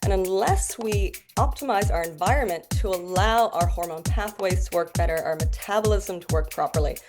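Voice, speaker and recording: With music playing behind her, a woman in her forties from the Bahamas tells her story as a guest doctor in a casual interview. She has a North American accent and a lowish voice at normal speed, and she's chatty and quick to laugh.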